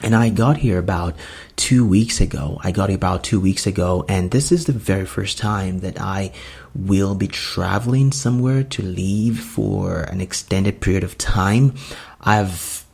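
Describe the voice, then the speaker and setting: A man's voice: deep voice, a little slow, gravelly, darkish tone, husky. A man, hosting a solo podcast in an earnest, rambling way with many fillers. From Nigeria. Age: 20s. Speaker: podcast host.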